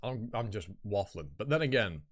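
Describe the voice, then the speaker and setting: A man's voice: lowish voice, expressive, normal speed. A man, chatting casually and rambling on a live reaction stream, swearing and mocking himself.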